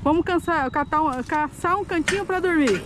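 A woman's voice: high-pitched, normal speed. A middle-aged Brazilian woman chatting casually to viewers as a travel vlog host, with a slight speech impediment that trips her on some words. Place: outdoors by a road and inside a moving camper van. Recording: loud road, wind and vehicle noise.

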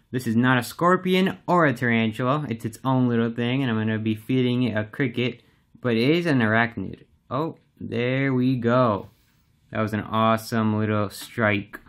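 A young man casually narrating as he feeds his exotic pets, relaxed and chatty with lots of fillers. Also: mid-range voice. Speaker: pet keeper and channel host.

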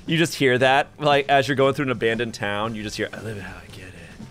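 A man in his twenties bantering and teasing friends in excitable gaming commentary on a close microphone. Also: medium pitch, fast talker. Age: 20s. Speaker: gamer in a group challenge video. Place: indoor office gaming room. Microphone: close boom-arm microphone, headset on. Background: music.

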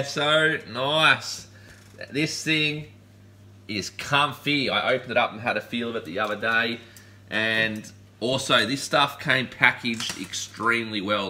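A man's voice: medium pitch, sharp tone, a little hiss or hum. A man, hosting a casual unboxing chat, upbeat and rambling with laid-back slang. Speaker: collectibles channel host. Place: indoor room lined with collectible shelves.

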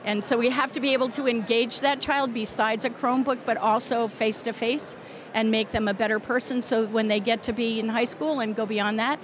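A woman in her sixties, a teacher and convention committee chair, answers interview questions earnestly and emphatically into a handheld mic in a crowded indoor exhibition hall. Her voice is a little high, fairly quick, and fairly even in intonation, with loud convention crowd noise behind her.

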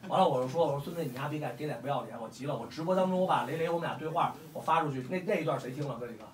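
Racing through his words in a higher-pitched voice, a Beijing man in his forties riles up a room full of fight fans. His casual crowd talk is blunt, heated, and full of swearing. Echo fills the room, and the microphone is at a distance.

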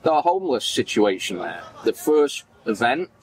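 A man's voice: mid-range voice, normal speed, rough recording. A man in his forties with a Manchester accent, a podcast guest telling stories animatedly and acting out the voices in them. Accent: Manchester English. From Manchester, England. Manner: animated, acts out quoted dialogue, gestures widely. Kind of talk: casual storytelling interview. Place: indoor event backdrop at a farmers market.

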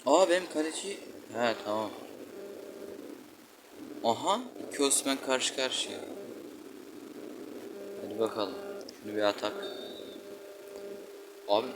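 Grumbling low-voiced gamer man. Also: fairly even intonation, takes it slowly, pauses often, background noise. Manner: slangy, grumbling and exclaiming at the game. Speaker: gaming channel host. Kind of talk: casual gameplay commentary. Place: room indoors, playing a football video game. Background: children shouting outside.

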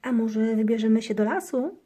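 A woman voicing a kind, gentle elderly grandfather in a children's storybook. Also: on the high side, lively intonation, moderate pace, breathy edge, pitched above the performer's own voice. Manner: gentle, soft-spoken.

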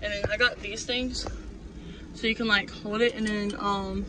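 A young woman at a moderate pace and medium pitch gives a casual, rambling tour of the camper she lives in, pointing things out without a script. The audio comes from a noisy handheld device with steady background noise.

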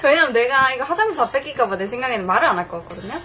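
A young Korean woman in her twenties with a Busan accent chats casually about makeup as a beauty vlogger, laughing often. Her voice is high-pitched, animated and very fast. She's indoors in her bedroom, with background noise.

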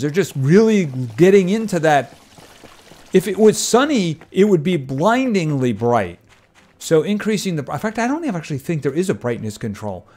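A man's voice: on the high side, darkish tone. A man streaming a farming game, chatting casually and making wry asides. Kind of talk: casual gameplay commentary. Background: game music.

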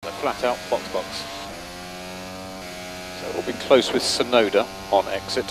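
A man's voice: sits low, steady tone, a little slow. A male race engineer giving terse, matter-of-fact updates over race car radio. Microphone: radio headset. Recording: noisy team radio, car noise.

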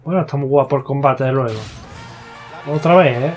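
A young man with a Spain Spanish accent giving excitable, foul-mouthed live gameplay commentary, yelling at his opponents. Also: medium pitch, fairly quick. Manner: excitable, swears a lot, yells at opponents. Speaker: gaming YouTuber. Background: faint game music.

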